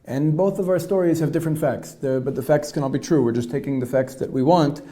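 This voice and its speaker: A teacher and peace activist in a panel discussion, explaining his views in a measured, step-by-step way. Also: on the high side, dark tone.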